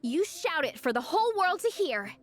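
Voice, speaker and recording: A woman's voice: very high-pitched, big pitch swings, moderate pace, faint music behind. A woman voicing an eager young woman who leads a fan club, earnest and enthusiastic. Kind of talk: game dialogue.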